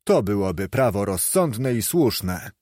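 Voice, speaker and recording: A man voicing a miserly, grumpy old moneylender who mutters curt, gruff replies in a dry-sounding recording. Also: medium pitch, expressive, measured pace, a little mellow, no room sound. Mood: grumbling scornful.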